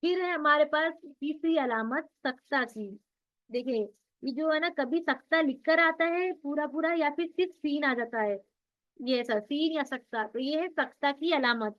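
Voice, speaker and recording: A woman with a high-pitched voice speaks at normal speed while teaching Quran recitation rules online. She takes a patient approach, asking questions and supplying the answers herself, over dull lo-fi audio.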